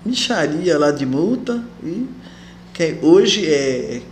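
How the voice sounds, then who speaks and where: A woman recalls her years as an activist in a relaxed interview, slipping into the voices of the people she quotes. Her voice rings in an echoey room with a faint hiss of background noise. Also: low voice, slow pace. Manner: lively storyteller who acts out quoted voices. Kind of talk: casual interview recollection.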